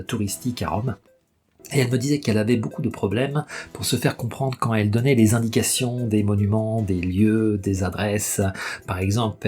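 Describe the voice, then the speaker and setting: A man with a fairly low voice gives a French lesson. He explains step by step and sounds words out to show how they are pronounced. Soft music plays faintly in the background. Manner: clear, explanatory, demonstrates pronunciation. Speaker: French teacher. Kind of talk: language lesson.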